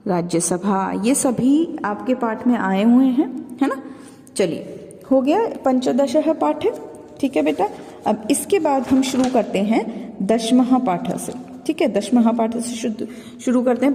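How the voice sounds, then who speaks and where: A woman's voice: fairly high pitch, mellow, big-room sound. A woman teacher going through an exam revision lesson step by step, calling her pupils children and asking and answering her own questions. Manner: calls listeners children.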